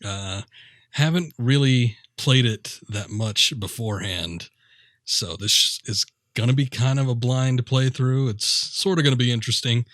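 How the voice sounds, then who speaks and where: A man's voice: mid-range voice, unhurried, a bit bright, no echo, clean studio sound. A man streaming a game with casual, rambling chat, offhand and thinking aloud.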